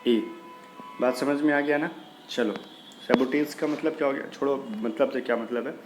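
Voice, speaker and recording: A man's voice: mid-range voice, steady tone, moderate pace, noisy background. A man teaching English vocabulary for an exam, explaining in a casual way and spelling words out letter by letter. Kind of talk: exam-prep vocabulary lesson.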